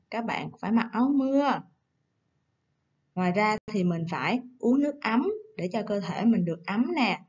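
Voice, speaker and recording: A woman teacher giving a recorded lesson to young children, coaxing and gentle, slowing down to read words aloud. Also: mid-range voice, highs cut off. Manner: gentle, coaxing, slow syllable-by-syllable dictation. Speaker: primary school teacher.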